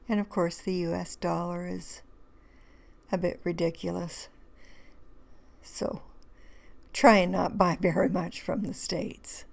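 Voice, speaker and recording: A hoarse woman, rambling through a relaxed crafting tutorial voice-over with many fillers and restarts. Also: lowish voice. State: hoarse, losing her voice. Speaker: craft video host.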